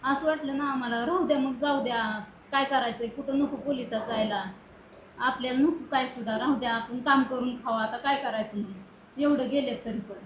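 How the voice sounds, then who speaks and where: Weary high-voiced village woman. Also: a little fast, roomy sound, highs cut off, slight background noise. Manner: plaintive, weary talk. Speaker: interviewee, family member.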